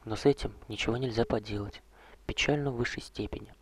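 A man doing a hushed old vampire courtier. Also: mid-range voice, background noise, close to an everyday voice. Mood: sorrowful. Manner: soft, slow, hushed, often whispered. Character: old male vampire courtier, gentle, weary, ironic.

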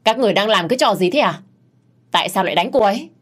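A man's voice: fairly high pitch, moderate pace, husky. A woman voicing a protective young man, urgent and commanding as he shields his hurt lover. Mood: angry, commanding.

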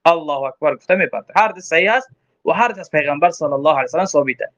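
A man's voice: fairly high pitch, lively intonation, a bit bright. A man with a Tajik accent teaching from a religious text, quoting Arabic phrases and explaining them, often asking himself questions before answering. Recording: dull lo-fi recording.

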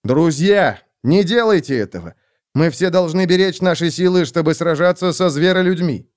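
In an audiobook, a man voices an earnest young male adventurer urgently and passionately pleading with a crowd. He pitches a little above his own voice, staying close to an everyday sound, with lively intonation at a moderate pace. The studio recording is clean and echo-free.

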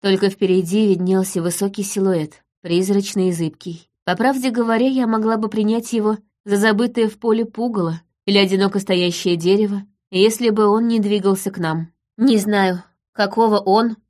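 A woman's voice: mid-range voice, darkish tone. Woman narrating an audiobook. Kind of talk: first-person scripted narration.

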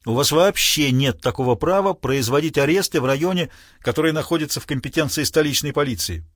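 A man's voice: a little high, brisk, dry recording, clean studio sound, lightly acted. A man playing a sardonic, mock-polite lawyer. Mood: teasing. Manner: ironic, thoughtful, teasing.

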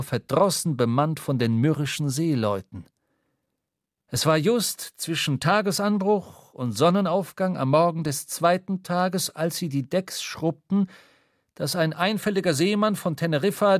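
A man narrating a literary sea story in a measured, storytelling delivery, recorded in a studio. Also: a little high, no room sound. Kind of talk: scripted literary reading.

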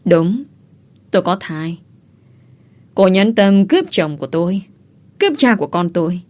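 A woman voicing a scheming young pregnant village woman who wails and pleads loudly. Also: on the low side, animated, moderate pace, natural voice. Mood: accusing. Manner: loud, wailing, pleading.

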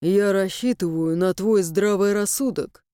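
Brief: woman doing stern young man, storybook, lower and measured, mellow smooth tone. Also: lively intonation, dry recording, studio quality. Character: stern young man Inamir, proud and protective. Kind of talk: audiobook character voice.

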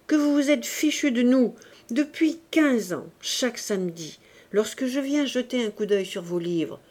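A woman reading the part of an honest, easily upset middle-aged bourgeois father who reproaches his relatives loudly. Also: very high voice, voice pushed up.

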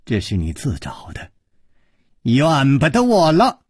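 A male storyteller voicing a cold, menacing older male villain who speaks low and hushed with a threatening edge. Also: huge pitch swings, slow, husky, no echo, clean studio sound, heavily acted. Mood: cold menace. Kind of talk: traditional storytelling performance.

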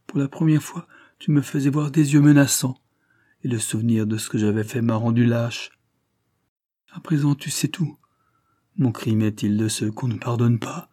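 A man's voice: mid-range voice, moderate pace, warm tone, no echo, studio quality, lightly acted. A man reading an audiobook and voicing a passionate young society woman who speaks with vehemence, first pleading, then scornful.

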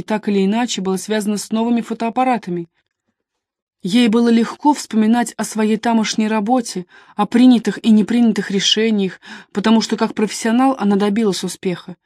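A woman's voice: medium pitch, no room sound. Woman narrating an audiobook, dry close sound. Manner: even, measured reading. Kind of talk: scripted narration.

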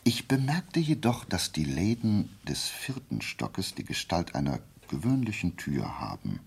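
In a radio play, a man acts as a shrewd amateur detective methodically explaining a murder case, his voice low, gravelly, and husky. Heavily acted with big pitch swings, he lays out his deductions in a measured, precise, didactic way, checking in with short questions.

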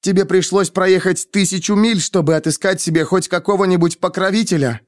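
A male audiobook reader voicing a proud, quick-tempered young woman who speaks in a sharp, scornful, heated way. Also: sits high, steady tone, no room sound, clean studio sound, pitched above the performer's own voice, lightly acted. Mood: furious. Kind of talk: audiobook character reading.

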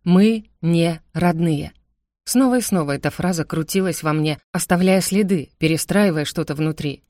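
Low-voiced woman reading a novel. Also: a little fast, a little mellow, dry recording, studio quality. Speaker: audiobook narrator. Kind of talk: first-person novel narration.

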